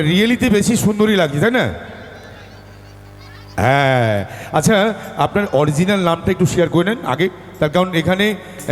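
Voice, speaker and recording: A man anchoring a live stage show, joking with the audience and introducing the guest. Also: high-pitched. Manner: joking, hyping up the crowd. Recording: stage PA with long reverb.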